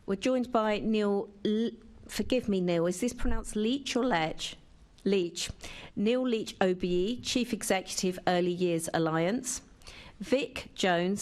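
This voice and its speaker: A woman's voice: lowish voice, a little mellow. Woman chairing a formal committee meeting. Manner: formal and procedural, with occasional hesitant restarts. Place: council committee chamber.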